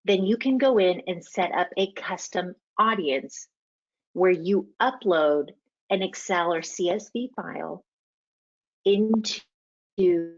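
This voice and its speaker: A woman's voice: fairly low pitch, slow, highs cut off. A woman hosting a marketing webinar, coaching listeners emphatically and repeating key points. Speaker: webinar host.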